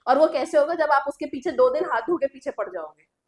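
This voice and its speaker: A woman's voice: sits high, expressive, brisk, darkish tone. A woman coaching teacher giving study tips to students in a chatty lesson, often checking in with them as she goes. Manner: chatty, addresses students directly with repeated tag questions.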